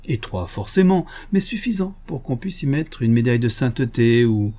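A man reading the part of a cocky, mocking gentleman thief in an audiobook, taunting and condescending. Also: mid-range voice, lively intonation, normal speed, lightly acted.

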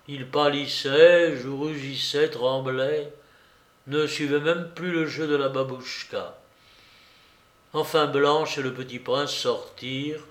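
A male narrator reads a classic novel slowly and deliberately, his voice sitting a little high. The recording has a noticeable roomy echo. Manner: measured, deliberate storytelling. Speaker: audiobook narrator. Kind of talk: scripted literary narration.

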